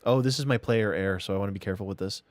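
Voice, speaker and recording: A gaming streamer with a lowish voice races through casual live commentary on a strategy game, thinking aloud and chatting to himself and his viewers. The recording has no echo.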